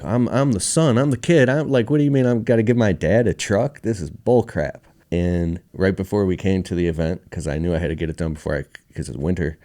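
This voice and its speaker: A man with a very deep, dark and mellow voice speaks as a podcast guest. His storytelling is casual and candid, emotional and sprinkled with slang like "bro" and "dude".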